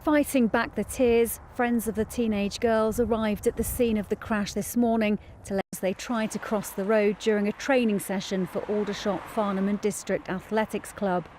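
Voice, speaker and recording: A woman news reporter giving an earnest, measured field report. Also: medium pitch, steady tone, darkish tone, slight background noise.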